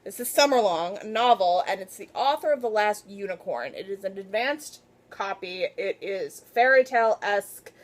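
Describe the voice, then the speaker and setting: A woman talking casually to her viewers in a book haul video, gushing and excitable. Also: mid-range voice, moderate pace, hardly any pauses. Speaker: book vlogger.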